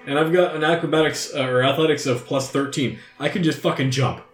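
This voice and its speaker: A man's voice: fairly high pitch, steady tone, brisk. A man playing a tabletop game, bantering casually in a jokey, slangy way with some swearing. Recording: echoey room with background music.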